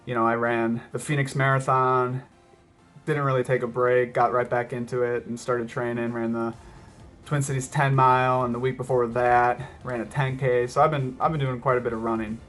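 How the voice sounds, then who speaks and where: A man talking casually as a running vlogger, reflective and hesitant, often pausing mid-thought. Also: mid-range voice, flat delivery, fairly bright tone, soft background music. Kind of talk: casual vlog talk to camera.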